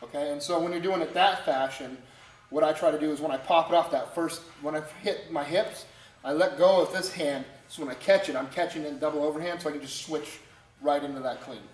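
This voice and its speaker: A man's voice: a little high, steady tone, a little fast, reverberant, low-quality recording. A man coaching a lift in a gym, walking through the steps with short cues. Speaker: strength coach. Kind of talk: instructional demonstration.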